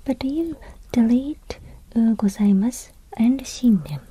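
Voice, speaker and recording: Whispering breathily, a Japanese-accented woman teaches a language lesson in brief, simple, gentle phrases. She pitches her voice on the high side and sounds animated while still taking it slowly.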